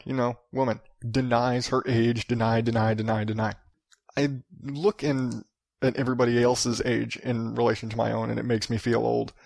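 A man's voice: mid-range voice, creaky, no room sound, clean studio sound. Rambling, profane man in his thirties. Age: 30s. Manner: rambling, profane, self-mocking. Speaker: podcast host. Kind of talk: casual solo podcast monologue.

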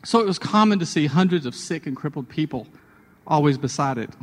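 A man's voice: on the high side, lively intonation, a little fast. Chatty man in a reverberant hall. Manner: chatty, self-deprecating, with restarts. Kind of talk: conversational devotional storytelling.

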